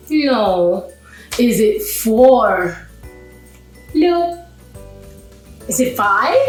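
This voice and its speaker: A woman hosting a children's read-aloud talks playfully to young listeners and asks them questions, her fairly high voice carrying a darkish tone. The recording has a roomy echo with music.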